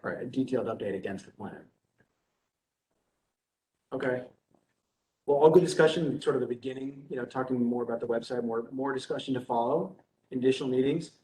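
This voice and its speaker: A man's voice: medium pitch, a little fast, long pauses, dark tone. A man chairing a library board meeting over a video call, speaking in a loose, conversational way full of fillers. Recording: echoey room with faint noise.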